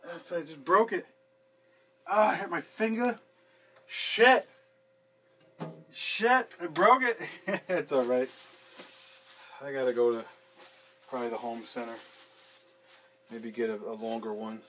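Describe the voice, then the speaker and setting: Slight background noise accompanies a man's a-little-high voice, pushed and bright, as he takes it slowly and pauses often. He's a handyman in his thirties working on a sink in a small basement room, rambling and cursing freely in a casual how-to video narrated to a fixed camera a few feet away.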